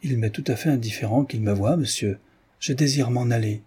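A man's voice: medium pitch, fairly quick, mellow, slightly rough. A man voicing a flustered, anxious young woman in an audiobook, insisting nervously.

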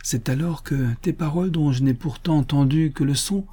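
A man's voice: a little high, moderate pace, warm tone, breathy edge, voice pushed up. A man raising his voice for an anxious peasant mother. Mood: dreamy wonder. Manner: pleading and tearful.

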